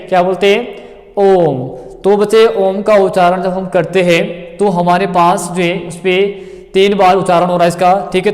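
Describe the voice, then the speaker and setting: A man's voice: sits high, big-room sound. A man teaching grammar to exam students, explaining in a repetitive classroom way, calling his students kids and often checking if they understood.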